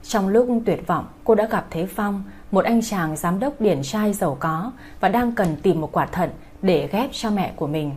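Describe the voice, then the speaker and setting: Husky-voiced woman hosting an audiobook channel. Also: medium pitch, unhurried, few pauses, darkish tone. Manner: polite, formal address to listeners. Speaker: channel host. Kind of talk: scripted audiobook introduction.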